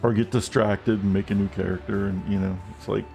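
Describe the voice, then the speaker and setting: A man chatting casually on a game live stream, rambling and swearing freely, with excited outbursts. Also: on the low side, brisk, gravelly, faint music behind.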